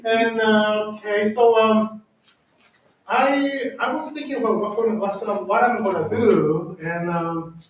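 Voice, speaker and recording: A man's voice: high-pitched, measured pace. A man in his fifties with a Korean accent, a church organist talking casually to a congregation, hesitant and self-deprecating with a joking edge. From South Korea. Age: 50s. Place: church hall. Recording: echoey hall from far off.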